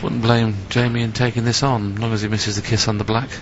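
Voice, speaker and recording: Deep-toned man commentating on snooker, lo-fi. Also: little pitch movement, quick pace. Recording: muffled broadcast with background noise.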